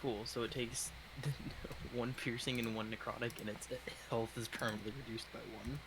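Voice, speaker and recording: A man playing a tabletop game, speaking quietly and briefly. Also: medium pitch, fairly even intonation, moderate pace. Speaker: player. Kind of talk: casual tabletop game chat. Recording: noisy recording.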